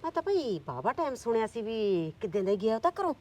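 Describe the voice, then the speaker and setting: Speaking fast in a sing-song voice on the high side, a woman plays a conniving middle-aged village aunt in a drama. Loud and nagging yet coaxing, the character needles others and stirs up trouble.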